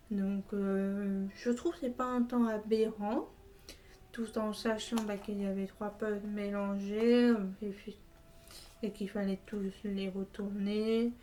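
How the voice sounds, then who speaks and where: A woman's voice: medium pitch, warm tone, low-quality recording. A woman talking through her finished puzzles in a casual vlog, hesitant, with many filler sounds and restarts. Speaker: puzzle vlogger.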